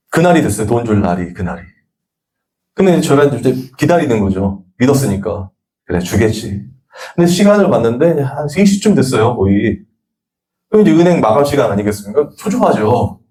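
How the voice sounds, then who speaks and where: Man, pastor, sermon, lively pitch, conversational, acts out dialogue. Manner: conversational storytelling, acting out dialogue. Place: church Sunday service.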